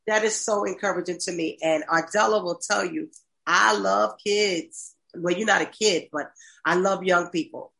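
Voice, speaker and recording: A woman in her fifties with a notably low voice hosts a call-in talk as pastor. She speaks affectionately to her listeners, rambling through long sentences and restarting her words often. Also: moderate pace, gravelly, fairly bright tone, rough recording. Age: 50s. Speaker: pastor and host.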